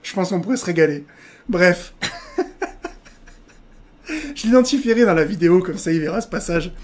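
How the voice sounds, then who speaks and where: A man's voice: high-pitched, normal speed. A man hosting a casual reaction video with crude jokes, frequent laughter and rambling asides that turn serious. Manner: crude joking, laughs often; digressive, drifts between jokes and serious remarks.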